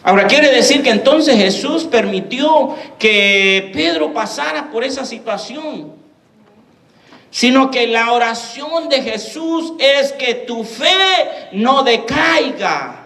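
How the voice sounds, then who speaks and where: High-voiced preaching pastor, echoey hall. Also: male voice, animated, slow, bright, forceful tone, recorded from a distance. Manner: preaching with rhetorical questions to the congregation. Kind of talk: sermon.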